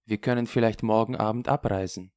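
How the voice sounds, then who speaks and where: A woman's voice: extremely low pitch, steady tone, a little fast, dark tone, voice pushed up. A reader voicing Loulou, a flighty and impulsive young woman who chatters in a gossipy way, in an audiobook. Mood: chattering. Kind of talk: audiobook character voice.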